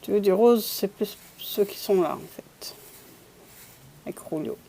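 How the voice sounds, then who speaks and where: A woman's voice: mid-range voice, a little slow, gravelly, warm tone, slight background noise. A woman chatting casually while painting, thinking aloud and answering viewers' comments in a playful put-on accent. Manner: playful, puts on a random accent. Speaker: streamer painting with watercolors.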